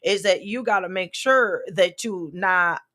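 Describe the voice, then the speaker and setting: A woman's voice: fairly low pitch, a little slow, a bit bright. A woman from Brazil with a Brazilian accent, talking earnestly on a podcast as a guest, often repeating and restarting her words. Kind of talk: casual podcast chat.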